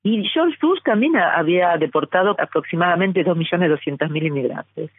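A woman's voice: on the low side, lively intonation, moderate pace, breathy edge, no room sound. A middle-aged woman from Argentina with an Argentine accent, a guest giving a fluent, argumentative phone interview. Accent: Argentine Spanish. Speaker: guest, journalist and psychologist. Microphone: telephone. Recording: tinny phone line.

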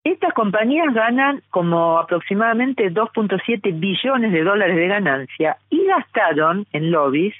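Speaking by telephone, a middle-aged Argentine woman, a journalist and psychologist, makes her case fluently and argumentatively as an interview guest. Her Argentine Spanish comes in a mid-range, animated voice at normal speed with few pauses, no echo, and a tinny line.

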